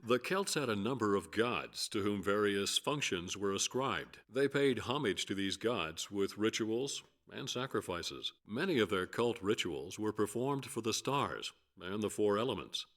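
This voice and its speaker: An actor playing an earnest male scholar in a video game, speaking in a measured, lecturing way. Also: on the low side, lively intonation, a bit bright. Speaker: game character.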